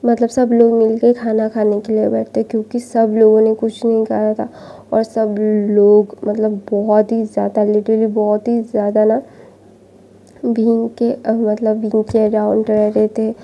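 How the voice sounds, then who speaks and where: A woman's voice: on the high side, monotone, a little slow. A woman casually retelling a fan fiction story in a rambling way, full of fillers. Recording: dull lo-fi recording.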